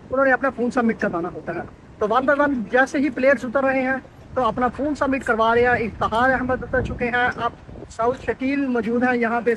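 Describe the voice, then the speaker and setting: High-voiced reporter calling arrivals live. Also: male voice, noisy background. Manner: running play-by-play narration of arrivals. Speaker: sports reporter. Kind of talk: live on-location commentary. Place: outdoors beside the team bus at a stadium.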